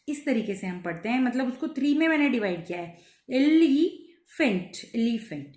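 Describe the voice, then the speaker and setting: A woman leads a slow phonics reading lesson. Her voice sits fairly high, and she breaks each word into stretched syllables before she repeats it whole. The room around her is echoey. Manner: stretches and repeats syllables slowly when sounding out words. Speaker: teacher.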